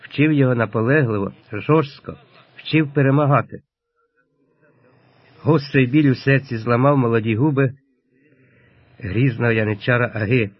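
A man narrating a historical story in a steady, solemn reading. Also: mid-range voice, moderate pace, pauses often, no room sound. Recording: lo-fi dull audio, dry.

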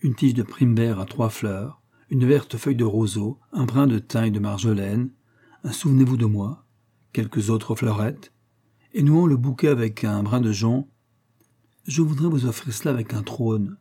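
A man reading a story aloud in a measured, gentle narration. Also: mid-range voice, slightly rough. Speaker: audiobook reader. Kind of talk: scripted narration.

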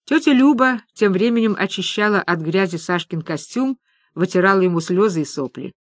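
Woman narrating a lively story. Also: medium pitch, moderate pace, dry recording, studio quality. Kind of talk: audiobook narration.

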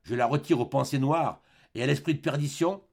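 Man doing a gentle, serene old bishop. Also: sits high, big pitch swings, moderate pace, pitched above the performer's own voice, heavily acted. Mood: solemn. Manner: warm, solemn, forgiving. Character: gentle elderly male bishop, kindly and serene.

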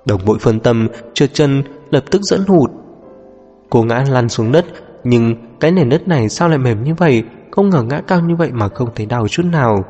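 A man narrating an audiobook novel in a steady, even storytelling manner. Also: mid-range voice, normal speed, breathy edge. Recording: long reverb with background music.

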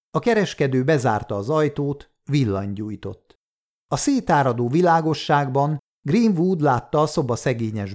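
A man narrating a crime short story in a measured audiobook reading. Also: mid-range voice, darkish tone. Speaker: audiobook reader.

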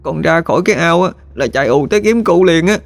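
A man's voice: a little high, expressive, fast, vocal fry, dry recording, voice pushed up. A man voicing a frightened drowned boy ghost of about ten, with a Southern Vietnamese accent and a tearful, pleading tone. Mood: anxious.

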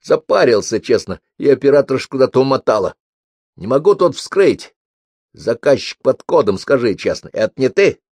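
A man's voice: mid-range voice, big pitch swings, normal speed, darkish tone, husky, dry recording, pitched above the performer's own voice. A male audiobook reader voicing a coarse, sniffling middle-aged gang boss who grumbles down the phone. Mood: gruff.

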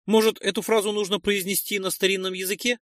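A man's voice: high voice, dry recording, studio quality, voice pushed up. Man doing an anxious young guide. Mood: earnest. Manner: pleading, excitable, quick to argue. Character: young male former guide, anxious and earnest. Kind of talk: audiobook character voice.

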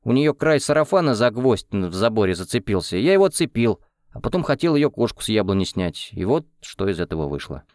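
A man's voice: lowish voice, sing-song, brisk, darkish tone, no room sound, studio quality. A man reading an audiobook, voicing a defensive, embarrassed young man. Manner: defensive, flustered.

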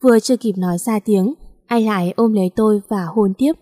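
A woman tells a first-person romance story in a plain, conversational way. Her voice is mellow and soft-edged. A long reverb echoes after her words. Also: mid-range voice, brisk.

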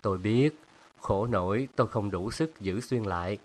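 A moody young painter who answers curtly with a sardonic edge, voiced by a man reading a story. His voice is lowish and restrained. It is a storybook reading. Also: moderate pace, darkish tone, lightly acted.

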